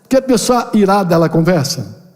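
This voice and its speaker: Older man, pastor, animated conversational sermon, fairly high voice, long church hall reverb. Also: a little fast. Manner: animated, acts out dialogues with playful slang. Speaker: pastor leading a parenting seminar.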